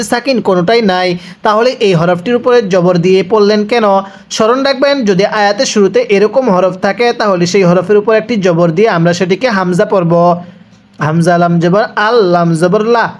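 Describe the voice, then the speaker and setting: A man teaching Quran recitation, explaining quickly and then drawing out each word slowly for students to repeat. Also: high voice. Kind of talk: spelling-out recitation lesson.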